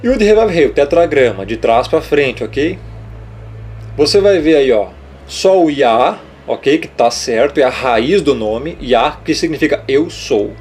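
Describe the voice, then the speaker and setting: Going over letters on a board as a religious teacher, this man's voice sits on the high side, with lively intonation, a darkish tone, and a slightly slow pace. He is emphatic and scolding, repeating points with "tá?" and "ok?" to check in often, over a bit of hiss or hum.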